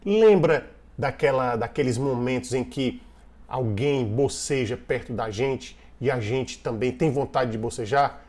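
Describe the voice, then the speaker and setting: A man's voice: mid-range voice, measured pace, a little mellow. A man delivers a casual online lesson on leading a team. He speaks conversationally, circling back and restarting phrases as he goes. He often turns to the listener with questions. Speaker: coach.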